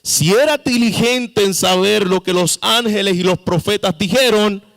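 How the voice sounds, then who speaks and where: A man's voice: high-pitched, normal speed, fairly bright tone. A man preaching a sermon as pastor, with sudden emphatic rises and questions to the congregation. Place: church sanctuary. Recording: long reverb of a church hall.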